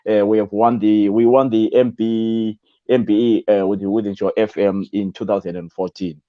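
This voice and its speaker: A man's voice: fairly low pitch, level tone, moderate pace, lo-fi sound. A man from Zimbabwe, a guest on an interview, talking in a hesitant way with many fillers and restarts. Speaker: guest, radio presenter. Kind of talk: interview conversation.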